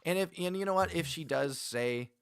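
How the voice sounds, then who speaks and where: A game streamer with a slightly high, gravelly voice chats with his viewers at a normal pace while he plays, rambling, laughing, restarting often and calling people by name. There's a little hiss or hum in the audio.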